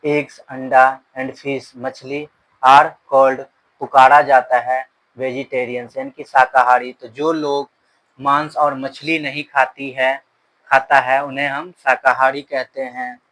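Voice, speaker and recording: A man teaching an English lesson in Hindi. He reads English words slowly, translates them, and repeats the grammar rules. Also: mid-range voice, level tone, fairly bright tone, low-quality recording. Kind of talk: slow bilingual grammar lesson.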